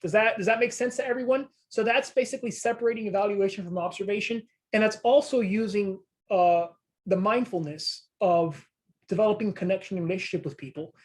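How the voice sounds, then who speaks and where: A man's voice: sits high, fairly quick. A man with a regional accent presenting a training webinar on communication, conversational with self-deprecating asides. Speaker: extension presenter.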